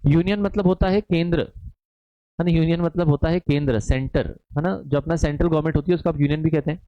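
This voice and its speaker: A male online commerce exam tutor with a voice on the high side teaches a live exam-prep lecture at a fast pace with fairly even intonation and no echo. He's chatty and repetitive, constantly saying "है ना," reading student chat aloud and checking in with students, all over dull, dry, lo-fi stream audio.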